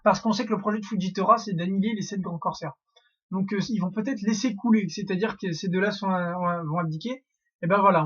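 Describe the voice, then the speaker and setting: A man's voice: high-pitched, breathy edge, lo-fi sound. A young man hosting a casual theory monologue, rambling with many fillers and restarts. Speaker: YouTube theory host.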